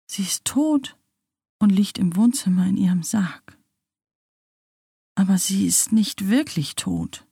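A woman voicing a frightened, tearful young girl who speaks anxiously in a raised, breathy voice. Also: mid-range voice, lively intonation, takes it slowly, pauses often, dark tone, dry recording, studio quality, exaggerated voice.

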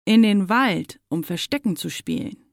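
A woman's voice: mid-range voice, lively intonation, a little slow, creaky, no room sound, clean studio sound. A woman voicing a cocky, grinning schoolboy in a storybook. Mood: smug.

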